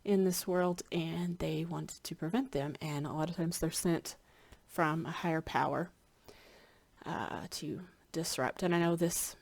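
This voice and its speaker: A spiritual hypnotherapy practitioner speaks casually to her viewers on camera, rambling with frequent ums and restarts. Her low-pitched voice is creaky, a little slow, slightly scratchy, and somewhat congested.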